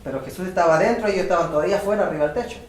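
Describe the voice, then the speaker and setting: A man interpreting a sermon live, talking quickly and restarting phrases as he goes. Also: high voice. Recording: very echoey church hall.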